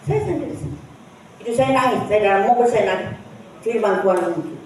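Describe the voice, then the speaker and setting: Woman, church testimony, halting and repetitive, faint background noise, heavy hall echo. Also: on the high side, very animated, darkish tone, recorded from a distance. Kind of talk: personal testimony at a church service.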